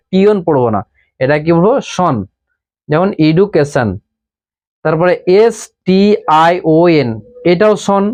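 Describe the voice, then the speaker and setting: A man with a Bengali accent giving an English pronunciation lesson, slowly repeating each rule and example. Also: a little high, a little mellow. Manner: slow, patient, repeats rules and examples. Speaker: English teacher.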